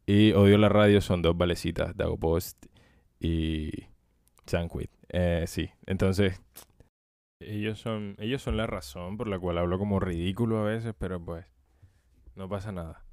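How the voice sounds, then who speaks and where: A very low-pitched man, talking casually alone on his podcast. He rambles, swears and jokes, close to the mic in a dry, dead-sounding room. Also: creaky, a little mellow, no room sound. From Colombia. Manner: rambling, profane and joking, often laughing. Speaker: podcast host. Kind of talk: casual solo podcast monologue. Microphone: close microphone.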